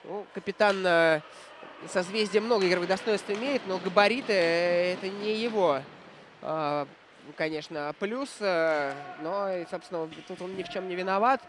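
A man commentating live on ice hockey, reflective and analytical, often pausing mid-sentence to find his words. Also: high-pitched, background noise.

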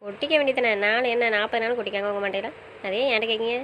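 A young woman chatting with her husband in a quick, rather high voice. She talks at a brisk pace, affectionate and teasing, now pleading and now playful. It is casual couple banter. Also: steady tone, fairly bright tone, slight background noise, poor audio. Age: young adult. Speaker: wife in a couple's chat.

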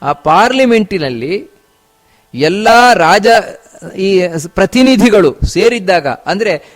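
A man with a raised, fairly high voice teaches from scripture in a spiritual discourse. He leans on repetition and rhetorical questions to drive each point home. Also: lively intonation. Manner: repeats phrases and asks rhetorical questions; chants verses slowly in song. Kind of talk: religious discourse explaining scripture.

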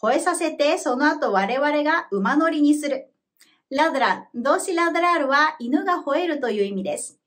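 A woman narrating a scripted language lesson, explaining clearly and measuredly, then modeling phrases slowly for learners to repeat. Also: high voice, animated, a bit bright. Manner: slow, careful model pronunciation for repeating. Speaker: Spanish language teacher.

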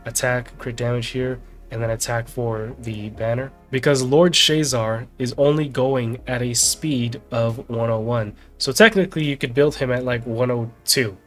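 Over background music, a thirtysomething game guide host gives a relaxed walkthrough, still slightly nasal from a recent sickness. He speaks at medium pitch and a moderate pace with fairly even intonation.

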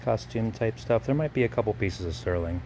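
Brief: lower-voiced man, brisk auctioneer walkthrough, phone-filmed, faint background hum. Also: animated, darkish tone. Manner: brisk item-by-item listing. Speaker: auctioneer previewing lots. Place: large auction gallery warehouse. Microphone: handheld phone camera.

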